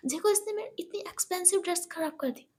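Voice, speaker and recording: A woman voicing a spoiled, insulting rich young woman who scolds in a shrill, scornful voice. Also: moderate pace, close to an everyday voice. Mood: scornful shouting.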